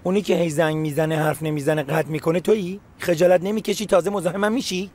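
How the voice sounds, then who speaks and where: A man's voice: fairly high pitch, fairly even intonation, darkish tone, lightly acted. A man playing a bitter husband and protective father who speaks harshly and accusingly in a dubbed TV drama. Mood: resentful. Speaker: dub actor.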